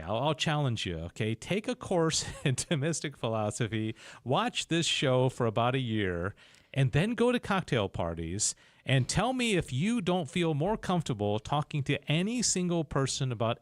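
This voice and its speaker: A man's voice: mid-range voice, no echo. A man hosting a talk show, explaining philosophy in a casual, chatty way and checking in with "okay?" as he goes. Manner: explanatory, repeats "okay?" and restarts, chuckles. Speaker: podcast host explaining Thomistic philosophy. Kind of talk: casual teaching chat.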